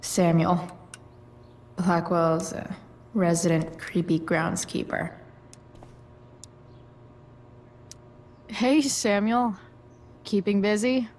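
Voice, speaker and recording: A woman's voice: lowish voice, steady tone, takes it slowly, long pauses, darkish tone, a little hiss or hum. A woman playing a sardonic, rebellious teenage girl in a video game, talking in sarcastic, casual slang. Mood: wry.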